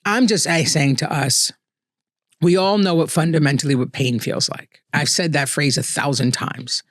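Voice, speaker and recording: A man's voice: on the high side, moderate pace, a bit bright, dry recording. Guy hosting his own podcast, earnest and chatty, keeps saying right?, dry close sound. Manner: earnest, conversational, often adds "right?". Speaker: podcast host. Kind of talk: reflective solo monologue.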